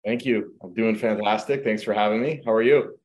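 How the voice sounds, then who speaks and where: On a video call, a middle-aged real estate agent, from Croatia but raised in the United States, casually walks through his background for an interview. His voice runs on the low side and fairly quick, and his easygoing storytelling is thick with um and you know.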